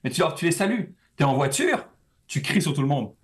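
His voice sits on the high side with big pitch swings, and he talks briskly. The speaker is a young comedian from France, a guest in a casual interview, speaking French slightly leaning Québécois and repeating words frequently as he works things out, full of animation.

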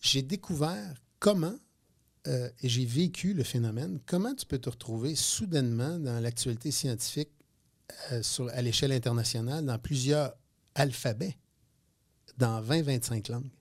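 On the radio, a male entrepreneur from Quebec in his fifties chats as a guest, animatedly telling stories at normal speed in a mid-range voice. His Quebec French accent is clear, and he stumbles often, with many hesitations and repeated words.

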